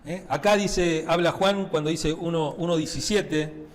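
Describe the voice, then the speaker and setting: High-voiced Rioplatense pastor in reverberant church. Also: male voice, fairly even intonation, a little slow. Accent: Rioplatense Spanish. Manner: conversational preaching with frequent tag questions. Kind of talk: sermon. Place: church sanctuary.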